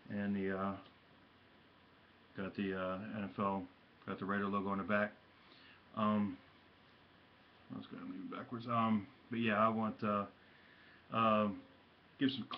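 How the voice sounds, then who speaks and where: A man with a low, fairly monotone voice talks through his latest hat pickups in his room, stumbling through fillers and tossing out shout-outs. He has the hiccups. The audio is dull and lo-fi, with a faint hiss under it. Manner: halting, many ums and uhs, slangy shout-outs. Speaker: hat and jersey collector vlogger. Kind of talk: casual show-and-tell vlog.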